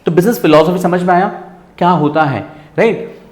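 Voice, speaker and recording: Man, teacher, high voice, lively lecture, echoey room. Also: normal speed. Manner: lively, asks students rhetorical checks, mixes English into Hindi. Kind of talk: classroom lecture.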